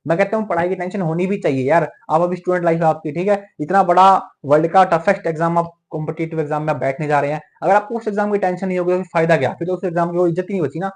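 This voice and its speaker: A young man giving a motivational talk to exam students, tagging nearly every point with a quick "theek hai". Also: on the high side, fairly even intonation. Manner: fast, repeats "theek hai" as a tag. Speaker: medical entrance exam mentor.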